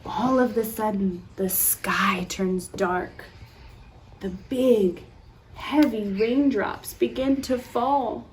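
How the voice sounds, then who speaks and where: Amid a noisy background, a medium-pitched woman does storytime for young kids. She reads a picture book in an animated, theatrical style, gasping, pausing, and putting questions to her little listeners.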